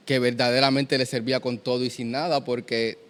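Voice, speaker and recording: A man in his twenties giving an earnest, halting testimony in a conversation. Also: mid-range voice, flat delivery, fairly bright tone. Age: 20s. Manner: earnest, storytelling with many restarts. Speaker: guest.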